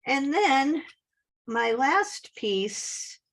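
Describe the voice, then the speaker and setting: A woman's voice: high voice, big pitch swings, extremely slow, creaky, a bit bright. A woman giving a casual, chatty scrapbooking tutorial, upbeat and full of little laughs. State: slight cough. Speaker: scrapbooking instructor.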